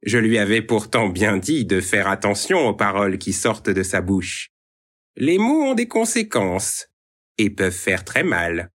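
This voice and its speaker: A man's voice: fairly low pitch, very animated, measured pace, a bit bright, full character voice. A man voicing a grating-voiced, sneering old witch in a read-aloud storybook. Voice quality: grating, creaky voice. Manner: sneering, cold and stern. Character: mocking old witch in a violet dress.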